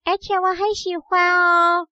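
A squeaky little boy spider. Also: level tone, unhurried, pushed and bright, no room sound, lo-fi sound, full character voice. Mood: eager. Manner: childlike, squeaky, wailing. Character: small boy spider, eager, wants to weave webs.

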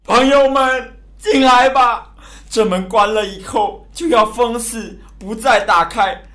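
A man's voice: mid-range voice, expressive, a little slow, fairly bright tone. An actor playing Noah, an earnest old man who solemnly exhorts mocking neighbours in a dramatized Bible story. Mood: urgent pleading.

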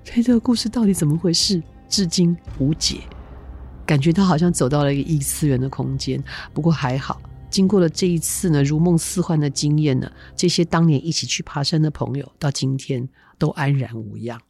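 A middle-aged woman narrates a spooky tale as a podcast host, her voice carrying a gravelly texture. She talks in a chatty way, turning to her listeners with asides and little laughs. Soft music plays faintly behind her. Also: low-pitched, fairly quick.

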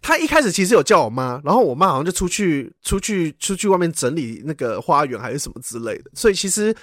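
A man's voice: a little high, sing-song, fast talker, no echo, studio quality. A man, co-hosting a podcast and telling a story in casual chat, stumbling and repeating words when he gets worked up. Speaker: podcast co-host.

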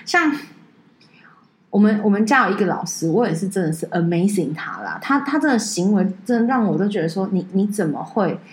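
Animated, fast-talking woman podcast host. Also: echoey room, poor audio. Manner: animated storyteller, mimics people in a high voice. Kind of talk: casual chat.

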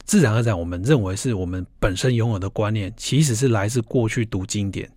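A younger man with a Taiwanese Mandarin accent, a doctor guest on a radio show, explaining things in a measured, lecturing way. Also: lowish voice, darkish tone, no room sound, studio quality. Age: young adult. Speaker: guest, doctor and book reviewer. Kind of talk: explanatory interview talk.

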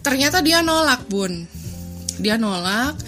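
A woman's voice: sits high, lively intonation, slow pace, a bit bright, faint music behind. A young woman hosting a podcast, telling a personal parenting story in a casual, chatty way. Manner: chatty, retells scenes with quoted dialogue. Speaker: podcast host.

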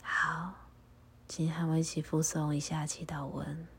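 A woman leading a guided meditation and prayer, speaking softly and calmly, often in a half-whisper. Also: low voice. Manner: soft, breathy, often half-whispered delivery; slow, calm, instructive.

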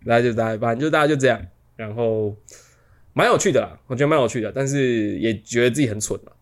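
A man, co-hosting a podcast and telling a rambling, animated story full of restarts. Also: mid-range voice, quick pace. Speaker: podcast co-host. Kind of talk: casual storytelling chat.

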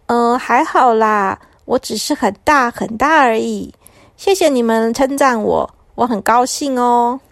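A gentle, unhurried young whale in a children's audio story, as a woman narrator puts him on. He drawls each word softly and bashfully. The sound is dry and close. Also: fairly high pitch, vocal fry, no room sound. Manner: slow, bashful.

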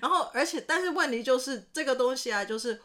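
Young woman with a Taiwanese Mandarin accent, bright and high voice, for an expressive co-host in casual chat. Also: quick pace. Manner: lively storytelling with laughs, mixes English words. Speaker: podcast co-host.

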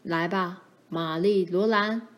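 A woman voicing a protective pioneer father who speaks firmly and gravely to his daughters. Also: on the low side, fairly even intonation, slow pace, dull audio. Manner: firm and warning, grows grave.

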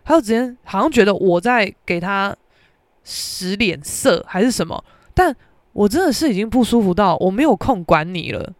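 A young woman with a Taiwanese Mandarin accent, hosting a podcast and telling a story in an animated, exasperated way. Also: medium pitch, normal speed, no room sound. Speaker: podcast host. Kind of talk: casual storytelling.

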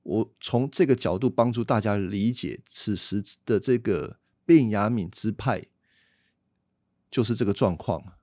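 A man's voice: lowish voice, measured pace, a little mellow, no echo, studio quality. A man teaching the Bible on a podcast, explaining things conversationally and asking rhetorical questions.

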